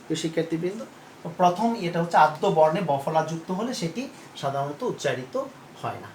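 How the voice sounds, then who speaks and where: Man teaching slowly in an echoey room. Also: a little high, lively intonation. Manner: slow, repeats each word and asks the students. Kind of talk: Bengali pronunciation lesson. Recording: echoey room with faint background noise.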